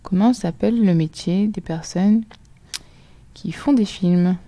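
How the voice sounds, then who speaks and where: A woman with a French accent teaches children a recorded phonics lesson, spelling out sounds slowly and clearly letter by letter. Her voice is medium-pitched and warm, and the recording is dry.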